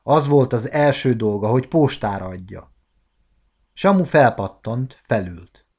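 A man in his forties narrating a classic novella as an audiobook, measured and expressive. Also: medium pitch, husky. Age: 40s. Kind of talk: scripted literary narration.

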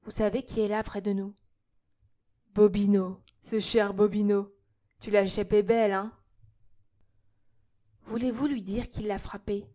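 A woman voicing a determined young woman who questions a hypnotized man softly but firmly in an audiobook. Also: mid-range voice, flat delivery, a little slow, long pauses, lightly acted. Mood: commanding. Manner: soft, firm questioning.

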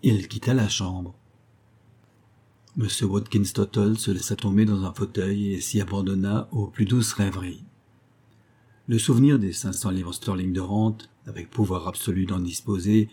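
Husky, low-voiced male storyteller. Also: mellow. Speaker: narrator. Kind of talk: audiobook narration of a classic story.

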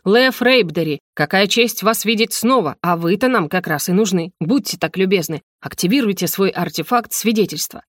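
A man's voice: high-pitched, expressive, moderate pace, hardly any pauses, a bit bright, no echo. A sly court official, voiced by a woman narrator, dripping syrupy, mocking politeness with a hidden venom. He is heard close and dry, with no room around him.

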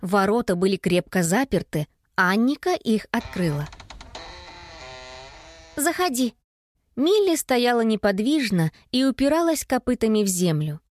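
A woman narrating a children's audiobook in an expressive storytelling manner. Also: medium pitch, normal speed, hardly any pauses, a little hiss or hum.

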